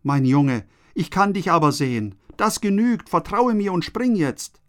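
A man's voice: high voice, sing-song, a little slow, a bit bright, voice pushed up, heavily acted. A man voicing a father calling up urgently to his trapped son, raising his voice above his usual tone. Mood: urgent reassuring. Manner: urgent, raised voice.

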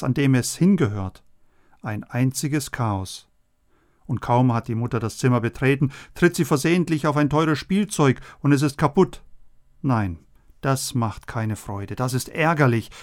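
A man giving a scripted radio sermon, earnest and measured, speaking straight to the listeners. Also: mid-range voice, a little mellow. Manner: earnest, measured preaching, addressing listeners directly. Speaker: radio preacher.

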